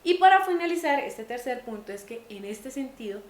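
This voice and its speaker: A woman's voice: a little high, sing-song, normal speed, a little hiss or hum. Woman, roomy echo. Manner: patient, repeats points in simpler words. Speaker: teacher trainer. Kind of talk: explanatory lecture. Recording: echoey room.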